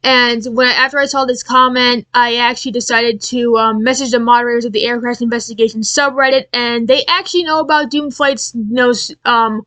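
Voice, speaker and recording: A woman's voice: on the high side, steady tone, fairly quick, hardly any pauses, pushed and bright, no echo, rough recording. A woman ranting casually to her viewers as a YouTuber, rambling with many fillers and restarts. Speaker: YouTuber ranting about channels. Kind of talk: casual unscripted rant.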